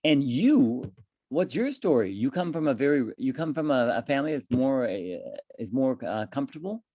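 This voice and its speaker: Speaking at a moderate pace with a medium pitch and no echo, this male English teacher keeps a casual chat going with his student through plenty of questions. His manner is talkative, full of repeats and restarts, with animated rising questions.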